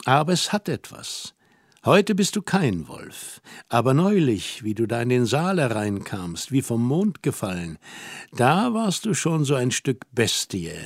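A man reading the part of a lively, playful young woman who muses and coaxes gently, as in an audiobook. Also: medium pitch, a little slow, no room sound, clean studio sound. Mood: musing, coaxing.

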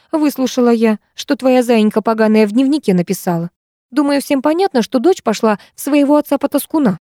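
A woman's voice: high voice, dark tone, no echo, studio quality, voice pushed up. A woman voicing a haughty, wealthy middle-aged violinist mother who speaks with cold contempt. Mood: mocking.

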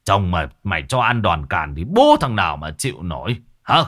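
A man voicing a gruff, irritable middle-aged village chief who scolds bluntly. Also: deep voice, big pitch swings, moderate pace, fairly bright tone, full character voice. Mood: irritable scolding.

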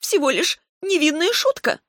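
A woman's voice: medium pitch, expressive, moderate pace, no room sound, studio quality, lightly acted. A woman voicing a vain, seductive and spiteful dragoness who speaks coyly and haughtily. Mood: haughty.

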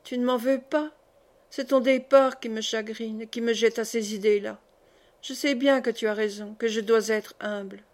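A woman reading the part of a naive young girl in love, pleading and lively by turns, in an audiobook. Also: fairly high pitch, normal speed, close to an everyday voice.

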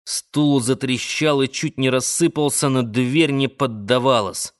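A man narrating a novel as an audiobook in a measured, dramatic manner. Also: mid-range voice, steady tone. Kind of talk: scripted literary narration.

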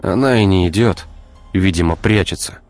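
A man voicing a brash young man who talks in a brisk, teasing way. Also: low voice, darkish tone, no echo, soft background music, close to an everyday voice. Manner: brisk, teasing, sometimes syrupy.

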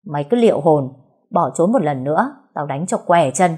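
A man's voice: a little high, animated, normal speed, warm tone, husky. A woman voicing a spoiled, cowardly young rich man who barks orders and threatens. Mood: threatening. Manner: bossy, threatening.

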